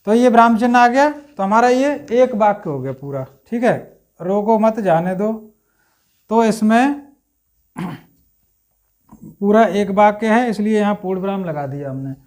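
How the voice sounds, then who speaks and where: A man with a fairly high voice teaching a grammar lesson. He works through it step by step and keeps checking in with his listeners. Now and then he stops to clear his throat. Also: animated, moderate pace, a little mellow. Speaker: Hindi teacher.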